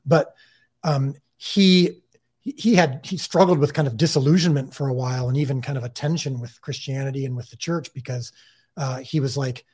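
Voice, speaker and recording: A man's voice: medium pitch, normal speed, a little mellow, slightly rough. A man speaking as an interview guest about the series he created, earnest and talkative, often restarting and repeating words. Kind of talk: casual interview talk.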